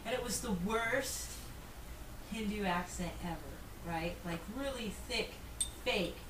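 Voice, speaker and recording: A woman's voice: mid-range voice, a little slow, far from the mic. Woman, podcast co-host, giggly anecdotes, echoey room, noisy background. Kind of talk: casual chat.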